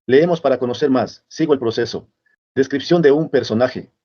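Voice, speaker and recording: Man reading headings in a dull recording. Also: mid-range voice. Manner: steady, measured reading of headings. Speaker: presenter. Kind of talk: reading a curriculum list aloud.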